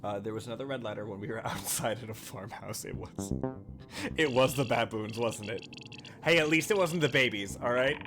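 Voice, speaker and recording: A man's voice: mid-range voice, brisk. A man doing casual, joking game-stream commentary, slangy and sweary, reacting as he plays. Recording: music behind the voice.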